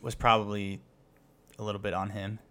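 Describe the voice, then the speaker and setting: A man's voice: on the low side, level tone, normal speed, a bit bright. A man co-hosting a casual sports podcast, easygoing and conversational, often correcting small details. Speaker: podcast co-host.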